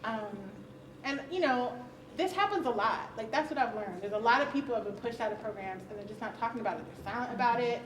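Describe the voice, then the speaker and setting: Laughing frequently, a woman on a conference panel speaks fast and frankly in a fairly high voice, sharing personal stories at a roundtable. The session-room recording is distant and roomy, with a faint hiss.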